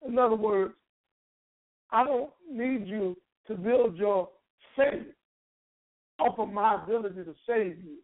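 A preacher with a hoarse, frog-like croaky voice, teaching a sermon in emphatic, deliberate short phrases with rhetorical repetition. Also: medium pitch. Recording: narrow, phone-like sound.

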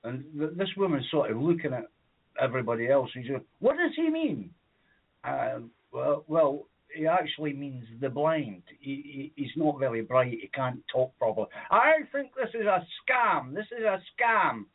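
A man from Scotland with a fairly high, slightly rough voice and big pitch swings speaks at normal speed. As co-host of a comedy radio show, he tells rambling childhood stories with many fillers and chuckles at his own jokes, over tinny, phone-like podcast audio.

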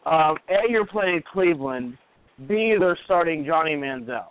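A man's voice: on the high side, expressive, unhurried, a little hiss or hum. A man co-hosting a sports talk show, easygoing and analytical with plenty of uhs and ums. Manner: easygoing, analytical, uses fillers like uh and um. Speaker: co-host. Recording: tinny phone-like line, dry.

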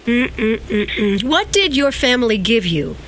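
A woman hosting a radio interview, effusive and quick to praise her guest. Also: on the high side, sing-song, fairly bright tone. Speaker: radio show host.

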